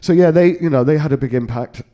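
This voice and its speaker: A man's voice: on the high side, fast, dark tone, muffled recording. A man in his forties, a guitar tech telling road stories in casual chat, swearing freely and laughing often. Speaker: podcast guest, guitar tech.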